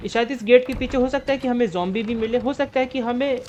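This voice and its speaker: A young man giving live gameplay commentary for his gaming channel. He jokes and swears constantly and yells in panic during fights. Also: extremely high pitch, quick pace, slight background noise. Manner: excitable, swears constantly, jokey banter.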